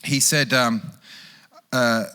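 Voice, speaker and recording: A man's voice: medium pitch, steady tone, takes it slowly, sharp tone, clean tone. A middle-aged man preaching a sermon as pastor, speaking conversationally and acting out quoted voices with animation.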